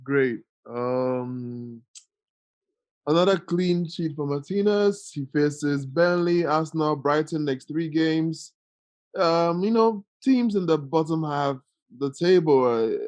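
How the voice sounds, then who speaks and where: A man's voice: on the high side, a little slow, a little mellow, dry recording. A man with a Ghanaian accent casually hosting a football discussion and putting questions to the panel. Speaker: football podcast host.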